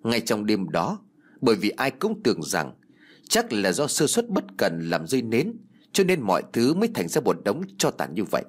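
A man's voice: on the low side, huge pitch swings, normal speed, slightly rough. A man narrating a ghost story in a dramatic storytelling manner.

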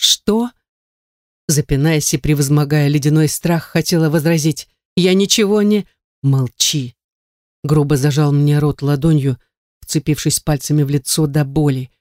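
A woman's voice: low-pitched, dark tone, dry recording, clean studio sound. A woman narrating a first-person romance novel with emotional, dramatic delivery. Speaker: audiobook narrator.

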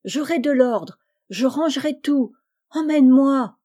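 A woman's voice: high-pitched, measured pace, warm tone, pitched above the performer's own voice. A woman voicing a careless young boy pleading in a read-aloud children's story. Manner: pleading, weepy.

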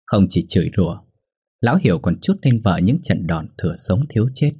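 A man narrating a dark story in a grave, measured voice. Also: low-pitched, animated, breathy edge, no echo, studio quality.

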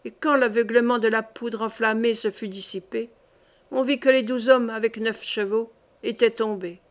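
A woman narrating a classic short story in a measured, expressive way. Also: fairly high pitch. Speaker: reader. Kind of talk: literary audiobook narration.

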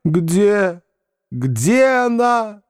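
A man's voice: sits high, sing-song, extremely slow, clear, resonant tone, no room sound, studio quality, soft background music, voice pushed up, heavily acted. A man voicing a self-pitying male hanger-on who wails and declaims hysterically in a read-aloud story. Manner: wailing, declamatory.

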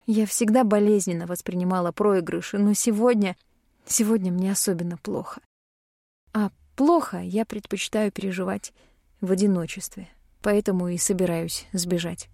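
Mellow young woman narrating an audiobook. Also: mid-range voice, fairly even intonation, moderate pace, no room sound, clean studio sound. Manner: tearful, emotionally charged reading. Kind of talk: emotional first-person narration.

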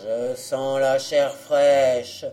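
A woman reading aloud and voicing a huge, furious male giant who roars slowly and with menace in a storybook. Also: very deep voice, level tone, mellow, faint music behind, pitched below the performer's own voice, full character voice. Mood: menacing. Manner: roaring, slow and menacing.

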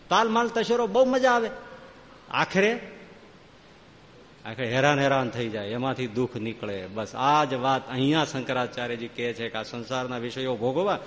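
Guy giving a sermon, storytelling, middle pitch, echoey hall. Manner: lively storytelling with long spoken lists. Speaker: preacher. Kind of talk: Gujarati devotional sermon.

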